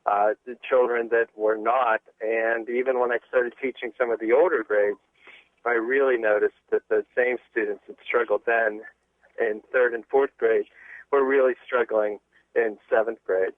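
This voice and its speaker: A man co-host calling in, a former teacher speaking in a measured way with hesitant fillers. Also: medium pitch, fairly even intonation, dry recording. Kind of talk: phone-in comment. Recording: tinny phone line.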